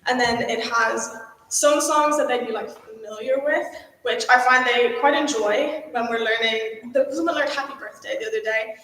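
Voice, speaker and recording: A woman's voice: on the high side, normal speed, fairly bright tone. A woman piano teacher talking in a casual, conversational way on a panel, with lots of "like" and "um". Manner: casual, conversational, says "like" often. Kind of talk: panel discussion. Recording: echoey hall with long reverb.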